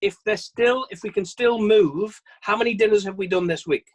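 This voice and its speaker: A man's voice: sits high, normal speed, low-quality recording. A man leading a sales training on a video call, chatty and self-deprecating, often restarting his phrases. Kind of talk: virtual training session.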